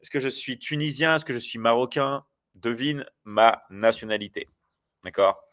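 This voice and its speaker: This forty-something livestream host keeps the talk casual and wandering, full of hesitations and false starts. His mid-range voice is a bit bright and moves at normal speed.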